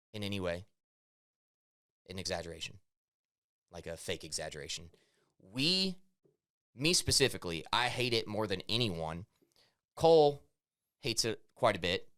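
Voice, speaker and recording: Opinionated farmer guy, lowish voice. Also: fairly bright tone, clear, resonant tone. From Missouri. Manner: opinionated, explains at length. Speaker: podcast co-host. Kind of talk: casual chat.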